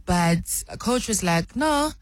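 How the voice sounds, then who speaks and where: A woman's voice: lowish voice, animated, slow pace, dry recording, rough recording. A young woman from South Africa, a rugby player, answering interview questions with many ums and restarts.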